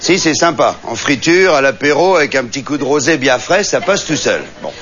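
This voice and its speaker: A man's voice: medium pitch, lively intonation, brisk. A man performing a comic monologue as a boastful, chatty storyteller on stage. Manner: boastful hunting-and-fishing bragger, chatty, colloquial. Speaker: stand-up comedian. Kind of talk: comic monologue to a live audience. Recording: dull live recording with loud audience. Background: audience laughter.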